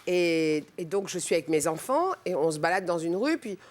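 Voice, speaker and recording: A middle-aged woman, a talk-show guest, telling lively anecdotes and acting out the people in them. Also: lowish voice, normal speed. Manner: animated storyteller acting out quotes. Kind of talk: casual talk-show chat. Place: TV studio with audience.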